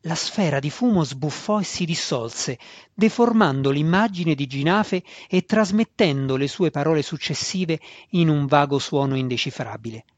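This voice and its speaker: A man reading a fantasy novel aloud in a steady, expressive narration, in a dull, dry recording. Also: a little high, moderate pace, dry recording. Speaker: audiobook reader.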